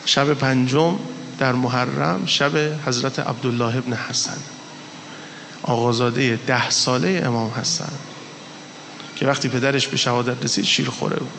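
A man's voice: medium pitch, fairly even intonation, gravelly, fairly bright tone, a little hiss or hum. A man preaching an impassioned mourning sermon to a live gathering, telling the story with strong emphasis. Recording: reverberant hall with faint ambience.

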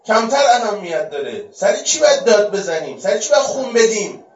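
A man with a high voice preaches a religious lecture. He fires off rhetorical questions and swings between forceful and hushed delivery. He is heard from a distance in a roomy, echoey space, and the recording sounds dull. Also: big pitch swings. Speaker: religious speaker.

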